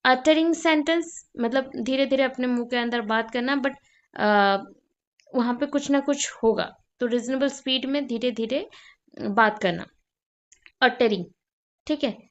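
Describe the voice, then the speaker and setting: High-voiced woman explaining lesson points. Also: a little slow, lo-fi sound. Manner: mixes English terms into Hindi, lists items one by one. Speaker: teacher. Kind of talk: explaining lecture notes.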